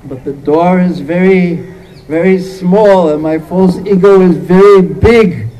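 A man's voice: sits high, slow, warm tone, low-quality recording. A man preaching a sermon, retelling a sacred story in an earnest way and repeating phrases as he goes.

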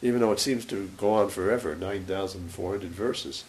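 A man giving a scripture lecture as a religious teacher, short of breath, halting and pausing mid-sentence. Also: deep voice. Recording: faint background hiss.

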